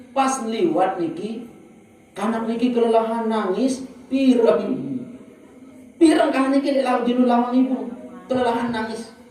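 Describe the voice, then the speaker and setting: A man's voice: extremely high pitch, a little hiss or hum. Echoey distant male preacher. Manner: lively storytelling, addresses the congregation directly. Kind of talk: sermon at a religious study gathering. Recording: very echoey room, distant mic, faint ambience.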